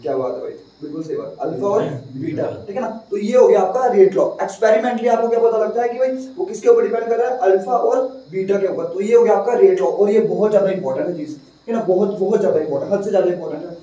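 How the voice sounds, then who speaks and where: Male Indian-accented teacher, high voice, dictating lesson notes and quizzing students; very reverberant, distant pickup. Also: dark tone. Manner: dictating slowly, word by word, repeating phrases for note-taking; questioning students repeatedly. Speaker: chemistry teacher. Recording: echoey room, distant muffled microphone.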